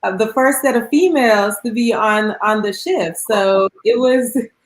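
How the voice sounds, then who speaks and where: A woman in her forties from Jamaica, giving polite, measured interview answers. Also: fairly high pitch, roomy sound, low-quality recording. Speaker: guest.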